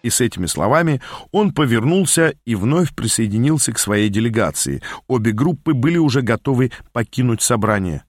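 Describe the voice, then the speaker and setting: A man reading an audiobook in an expressive storytelling manner. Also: medium pitch, brisk, no room sound, clean studio sound, soft background music. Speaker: audiobook narrator.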